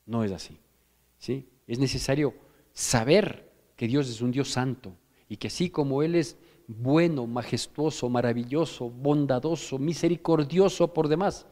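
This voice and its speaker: A man's voice: mid-range voice, a little mellow, in a large hall. A male pastor with an Ecuadorian Spanish accent preaching a firm, exhorting sermon, often restarting and asking "¿sí?". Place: church hall.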